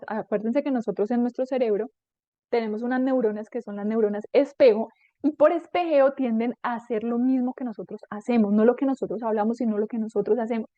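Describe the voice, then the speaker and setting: A woman's voice: fairly high pitch, mellow, dry recording, dull audio. A middle-aged woman, hosting a parenting podcast and acting out little dialogues as she gives advice. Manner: talkative, acts out dialogues in quick voices. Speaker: podcast host and parenting coach. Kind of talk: podcast talk giving advice.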